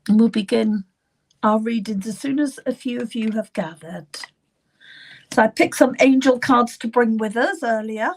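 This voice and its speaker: A middle-aged psychic medium hosts a live reading session, chatting gently with viewers by name. Her slightly croaky voice sits on the high side and sometimes drops to a whisper. She talks at normal speed, and the recording is rough.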